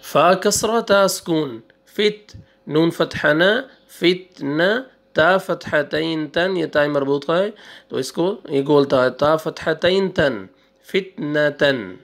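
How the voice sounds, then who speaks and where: A male Quran teacher spelling out syllables one by one, drawing out the recited words and giving quick asides between them. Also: fairly high pitch, a bit bright. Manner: slow drawn-out recitation, then quick asides. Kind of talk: spelling out syllables in a reading lesson.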